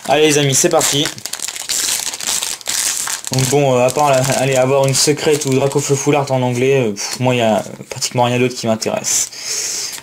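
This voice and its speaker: Excitable man unboxing cards. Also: mid-range voice, normal speed, pauses often, noisy background. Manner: enthusiastic, repetitive exclamations and many fillers. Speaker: YouTuber opening trading card packs. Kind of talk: casual card unboxing commentary.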